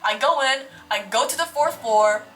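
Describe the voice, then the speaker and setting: A young woman spins a casual storytime in her vlog, dramatic and full of slang. Her voice sits fairly high and sounds bright. Faint music plays underneath. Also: moderate pace. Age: young adult. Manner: dramatic, exaggerated, slangy and swearing. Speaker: vlogger.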